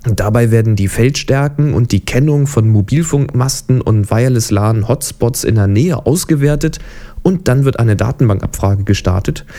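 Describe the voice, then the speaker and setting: Mellow-voiced man chatting about tech. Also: mid-range voice, normal speed. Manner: chatty, wry asides. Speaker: podcast host. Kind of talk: casual tech podcast commentary.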